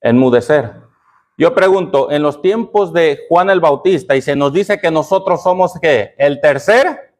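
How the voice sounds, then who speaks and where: A male pastor preaching with a notably high voice. He drives the sermon by firing questions at the congregation and supplying the answers, dropping lower for emphasis. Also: a little slow. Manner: call-and-response questioning of the congregation.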